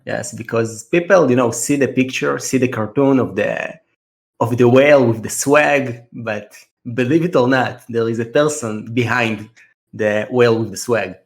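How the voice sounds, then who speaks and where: On a casual trading podcast, a guest who works as a trader and mentor earnestly recounts his life story. He is a man from Russia in his thirties with a Russian accent, speaking at a moderate pace in a steady, medium-pitched voice.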